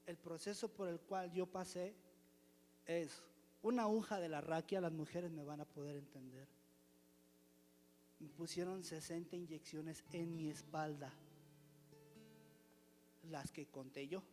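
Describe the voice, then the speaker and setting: A man's voice: on the high side, steady tone, unhurried, long pauses, darkish tone, in a large hall, faint music behind. A man, from the church's pastoral team, giving an emphatic testimony sermon. He keeps returning to one refrain and asks his listeners rhetorical questions. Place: church hall.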